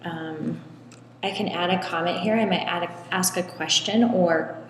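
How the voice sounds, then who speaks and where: A lower-pitched woman walks through a software tutorial one step at a time, easygoing and sprinkling in little ums. Her voice rings around an echoey room with a long hall-like tail, and a faint hum of room noise sits underneath. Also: moderate pace. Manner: relaxed, explains step by step with frequent ums. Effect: echoey room with long hall-like reverb. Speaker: tutorial presenter. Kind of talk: screen walkthrough tutorial.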